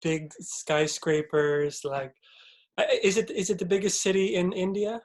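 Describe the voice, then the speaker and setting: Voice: medium pitch, measured pace, a little mellow. An interviewer asking questions in a casual chat, friendly and hesitant, often repeating words as he searches for them.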